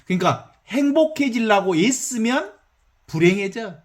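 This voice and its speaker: Male priest, Jeolla accent, lively folksy sermon, fairly high voice. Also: measured pace. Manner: animated, folksy, asks the audience for assent.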